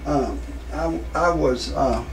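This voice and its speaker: A man in his sixties hosting a comedic parody monologue, rambling in a deadpan way with many fillers. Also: slow pace, creaky, a little hiss or hum, rough recording. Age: 60s. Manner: shouts quoted lines in a much higher voice. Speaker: parody show host.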